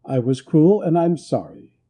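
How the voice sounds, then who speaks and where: A man voicing a polished, educated Southern gentleman who speaks in a pleading, apologetic way. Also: a little high, animated, measured pace.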